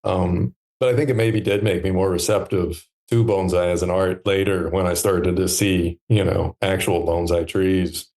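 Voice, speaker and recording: A man in his thirties, a podcast guest talking in a relaxed, reflective way with many pauses and fillers. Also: deep voice. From United States. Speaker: podcast guest, stand maker. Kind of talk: relaxed conversational interview.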